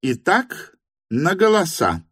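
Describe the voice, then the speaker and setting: A man doing a shrill, bossy hostess. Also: huge pitch swings, slow pace, fairly bright tone, breathy edge, no echo, studio quality, exaggerated voice. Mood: commanding. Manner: commanding, shrill and indignant. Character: bossy middle-aged hostess, insistent and suspicious. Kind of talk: audiobook reading.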